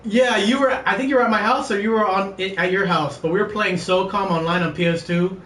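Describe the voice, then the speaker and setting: A young gamer with a high, steady, slightly bright voice talks briskly, telling a rambling story while he plays. He laughs often and acts out what his friends said, and the recording sounds roomy and distant with faint ambient noise.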